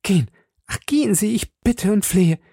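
A man's voice: sits high, animated, moderate pace, vocal fry, warm tone, breathy edge, no room sound, studio quality, voice pushed up, exaggerated voice. A man reading an audiobook, voicing an anxious, imploring queen in raised exclamations. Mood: pleading. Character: anxious pleading woman, a queen.

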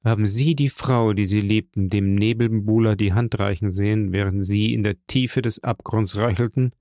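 A man doing a brooding, vengeful count, deep and solemn. The voice is gravelly and dry, with every word heavy. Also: fairly even intonation, moderate pace, mellow, no room sound, natural voice. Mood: bitter. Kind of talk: audiobook reading.

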